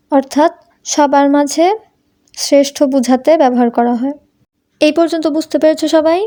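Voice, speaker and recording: A woman's voice: sits high, dark tone. A young woman teaching English grammar to students, asking them questions and answering them herself. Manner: addresses students informally as tumi. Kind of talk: Bengali-language grammar lesson.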